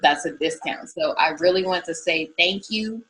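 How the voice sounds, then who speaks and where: A woman's voice: fairly low pitch, normal speed, a bit bright, low-quality recording. A woman joining an online meeting, speaking in a gushing, grateful way with lots of "like" fillers. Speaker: meeting participant. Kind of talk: casual call-in comment.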